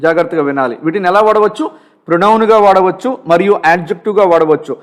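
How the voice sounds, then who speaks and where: A man with a Telugu accent teaching English grammar for an exam, asking questions and answering them himself, and reading example sentences slowly. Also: high voice. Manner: asks and answers his own questions, slow drilled examples. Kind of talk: exam-prep grammar lesson.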